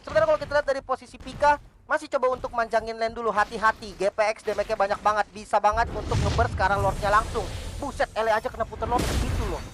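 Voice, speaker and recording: An Indonesian man working as an esports caster, giving excitable running play-by-play of a live match. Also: very high voice, rapid-fire, background noise.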